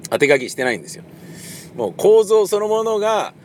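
In a brisk, very animated, high voice, a playwright and director rambles alone about writing his play. He leans on many fillers and now and then performs the voices of those he's quoting, over a slight hiss or hum.

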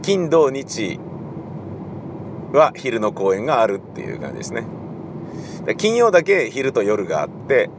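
A man's voice: medium pitch, very animated, moderate pace, pauses often. Middle-aged man talking while driving. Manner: rambling, many fillers, polite explanatory tone. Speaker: radio host and theatre director. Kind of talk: casual solo talk recorded while driving. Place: in a car in city traffic. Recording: car and street noise behind.

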